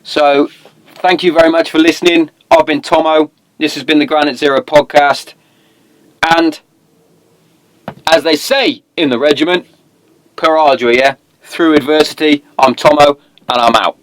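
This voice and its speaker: A man's voice: on the high side, fairly even intonation, moderate pace, long pauses, no room sound. A British man hosting a podcast, chatting casually in a matey, sweary, slangy way. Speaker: podcast host. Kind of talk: casual chat.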